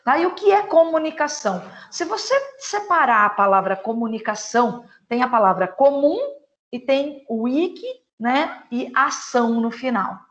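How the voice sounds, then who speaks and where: A woman teaching an online class. Her voice sits a little high, and she explains patiently, checking in with the students at the end of each point. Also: lively intonation, normal speed, a bit bright. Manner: explanatory, with frequent "tá?" and "né?" tags.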